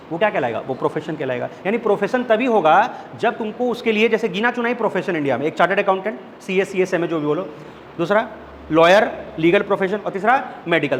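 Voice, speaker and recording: A male teacher giving a classroom lecture, mixing Hindi with English terms and asking questions he answers himself. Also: high voice. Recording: long reverb, faint background noise.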